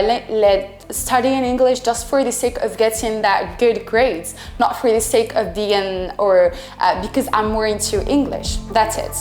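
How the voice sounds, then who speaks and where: In an echoey room with faint music, a twenty-one-year-old Algerian woman answers interview questions in English, hesitating and often groping for words. She is an Arabic speaker, an English student and teacher, with a mid-range, darkish voice.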